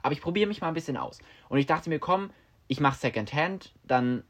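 A young man co-hosting a podcast in casual chat, relaxed and chatty, with many fillers and English slang words. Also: a little high, brisk. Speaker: podcast co-host.

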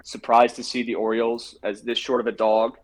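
A man's voice: mid-range voice, flat delivery, a little fast, faint music behind, rough recording. A man co-hosting a casual sports betting show, talking through his picks with brash confidence.

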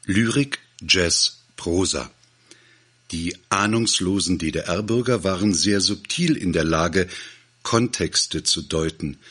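Husky man reading a story. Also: low-pitched, slow. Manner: dramatic, expressive. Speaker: narrator. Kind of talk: reading a satirical story aloud.

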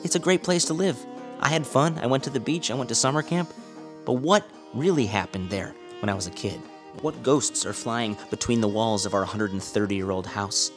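An American man who is a musician hosts a podcast, earnestly musing through rhetorical questions in a reflective monologue before introducing a guest for an interview. His voice is mid-range and his pace is normal, with music playing behind him.

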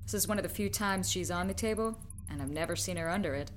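An actress playing a wry, confident ship's medic in an audio drama, with a dry, teasing manner. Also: female voice, on the low side, quick pace, faint music behind, lightly acted.

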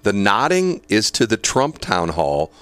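A man's voice: lowish voice, very animated, unhurried, fairly bright tone, smooth, dry recording. A man hosting a talk show, reading news quotes aloud with chatty, opinionated asides and laughter between points. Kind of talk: casual talk radio commentary.

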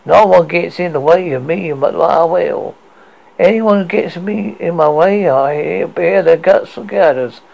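A man voicing a grizzled, vengeful old one-legged sea captain who talks in loud pirate speech. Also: a little high, expressive, normal speed, creaky, rough recording. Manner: pirate-style grammar, loud and wild.

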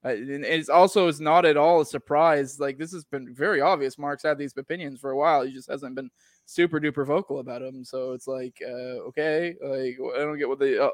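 A man's voice: medium pitch, fairly even intonation, a little fast, no echo, clean studio sound. A man from Maine co-hosting a podcast, talking in a loose, opinionated way, laughing often and swearing casually. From Maine, United States. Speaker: podcast co-host. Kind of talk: casual conversational podcast chat.

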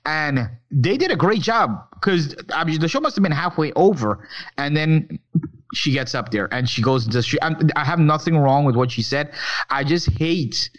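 A man's voice: fairly high pitch, lively intonation, normal speed, dull audio. A man co-hosting a podcast, chatting casually about film and talking in rambling, profane bursts full of restarts. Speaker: podcast co-host.

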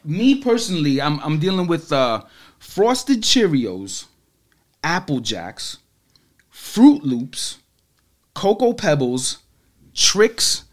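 Lively, animated man chatting. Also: on the high side, takes it slowly, pauses often. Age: adult, married. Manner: animated, laughing, slangy storytelling. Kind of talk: casual chat.

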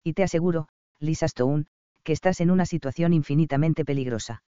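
A man voicing a fierce medieval highland warrior in an audiobook, stern and commanding, speaking low and measured. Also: warm tone, clear, resonant tone, dry recording, dull audio, close to an everyday voice. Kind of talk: audiobook character reading.

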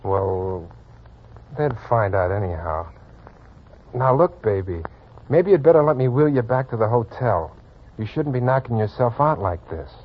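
Vintage radio jockey: curt, suspicious, protective, rough husky voice, muffled sound. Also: male voice, mid-range voice, sing-song, measured pace. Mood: guarded, protective. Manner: curt, guarded. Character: gruff, suspicious, protective young male jockey. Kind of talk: old-time radio drama acting. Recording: muffled old radio recording.

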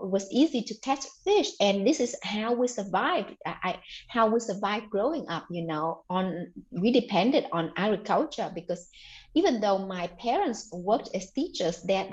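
A woman's voice: medium pitch, darkish tone. Woman, muffled lo-fi audio. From Vietnam. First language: Vietnamese. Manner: earnest, many "you know" fillers. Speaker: author guest. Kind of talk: conversational interview storytelling. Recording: dull lo-fi audio.

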